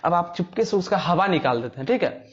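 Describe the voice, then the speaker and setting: A man's voice: sits high, expressive, brisk, dull audio. A young man teaching exam memory tricks, telling playful little stories and acting out scenes in rustic dialect. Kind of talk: explaining memory tricks for exams.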